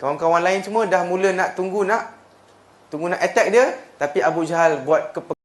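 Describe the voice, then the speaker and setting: A Malaysian man giving a storytelling lesson to a class, his voice pitched fairly high for a man. He mixes Malay and English as he goes and repeats words over and over to drive a point home. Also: normal speed. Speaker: religious lecturer.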